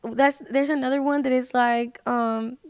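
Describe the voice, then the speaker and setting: A woman appears as a guest on a podcast recording, a musician and social media personality chatting casually in a laid-back way with slangy hip-hop phrasing. Her high-pitched voice is steady and unhurried, with slight background noise.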